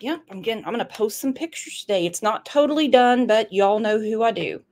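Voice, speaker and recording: A woman's voice: on the high side, fairly quick, a little mellow. A middle-aged woman, hosting a live-stream chat in a chatty, playful way and tossing out exclamations. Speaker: host of a live true-crime channel.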